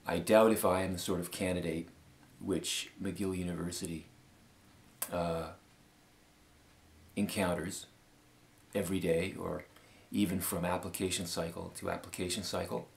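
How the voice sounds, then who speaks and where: A Canadian man in his fifties giving a formal, measured appeal statement with many pauses and fillers. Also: low voice, little pitch movement, creaky. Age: 50s. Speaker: law school applicant.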